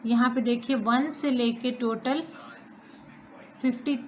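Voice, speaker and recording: A woman's voice: on the high side, fairly even intonation, unhurried. A young woman from India teaching a math lesson, patiently counting through place values and answering her own questions. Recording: faint background noise.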